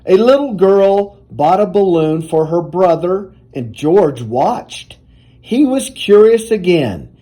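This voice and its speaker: Reading a picture book for kids, a high-voiced man brings the story to life with lively, carefully paced narration.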